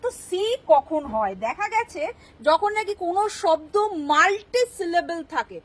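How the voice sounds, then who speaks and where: A woman's voice: very high voice, big pitch swings, normal speed, a bit bright, low-quality recording. A woman teaching English spelling rules, patiently explaining and checking that the class understands.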